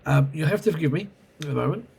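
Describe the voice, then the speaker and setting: Fairly high-pitched, animated and fast, this man's voice is creaky and darkish with a breathy edge. He has a cold and sore throat while hosting his own role-playing game review channel, rambling hesitantly with many ums and self-corrections as he recalls an old RPG in a casual spoken video. It's recorded at home on a camera mic.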